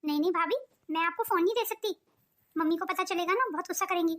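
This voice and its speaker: A woman voicing a young sister-in-law in a cartoon, quick and obliging. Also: very high-pitched, a bit bright. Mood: chatty. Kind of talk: cartoon voice acting.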